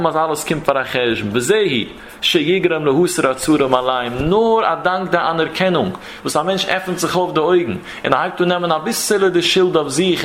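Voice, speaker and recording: Male Torah teacher, slightly high voice, chanted Talmudic lecture delivery. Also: a bit bright, a little hiss or hum. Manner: sing-song study chant, reading Hebrew passages and explaining them.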